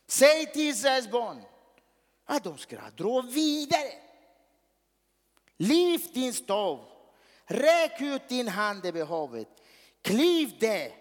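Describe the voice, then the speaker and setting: A man voicing a commanding male God, giving slow, loud orders. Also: very high voice, big pitch swings. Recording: long hall reverb.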